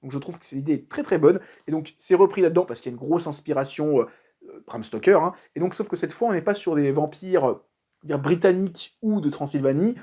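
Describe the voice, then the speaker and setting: A man's voice: fairly high pitch, brisk, mellow, husky. A man casually talking through a comic book review, informal and chatty, with frequent fillers and restarts. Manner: informal slang.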